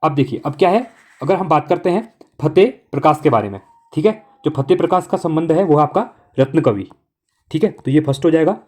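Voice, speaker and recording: A fast-talking man running an exam-prep lesson, his voice sitting a little high for a man. He works through the answers briskly and keeps checking in with the students. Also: animated, darkish tone. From Uttarakhand. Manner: brisk, repeats "okay" constantly, coaching tone.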